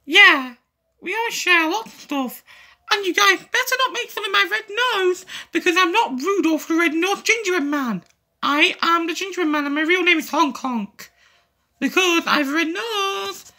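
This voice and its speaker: A woman playing a cheerful gingerbread man news reporter, chatty, silly and excitable. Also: very high voice, normal speed, full character voice.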